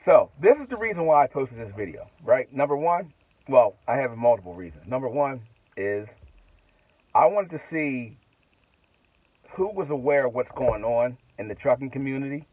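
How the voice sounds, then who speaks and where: A man's voice: medium pitch, animated, normal speed, no echo, phone-quality sound. A middle-aged man vlogging from inside his truck cab at night, talking in a rambling way with restarts and asides. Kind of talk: casual monologue to camera.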